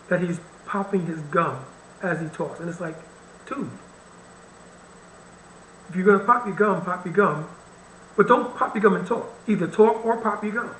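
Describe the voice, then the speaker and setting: A man's voice: high voice, brisk, sharp tone, reverberant, a little hiss or hum, poor audio. A man hosting a reaction video, commenting bluntly and with wry irritation on the clip he plays. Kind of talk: casual commentary over a played video.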